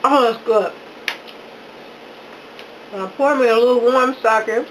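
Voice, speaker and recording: Slow, high-voiced woman gushing over food. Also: a little hiss or hum, rough recording. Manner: effusive, exclaiming with delight between bites; talking with her mouth full while chewing. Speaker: home cooking vlogger. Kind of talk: casual talk while tasting food.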